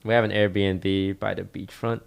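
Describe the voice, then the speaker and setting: A young man on a podcast telling a story in a relaxed, rambling way, full of fillers. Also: sits low, measured pace, gravelly, smooth. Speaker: podcast co-host. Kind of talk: casual storytelling.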